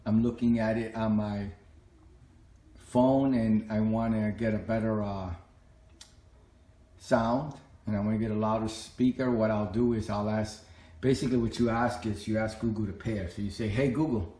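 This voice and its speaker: A middle-aged man with a lowish, dark, steady voice talks at a moderate pace through a casual explanatory walkthrough of his home tech. He's plainspoken, conversational and repetitive, and the indoor room sounds echoey.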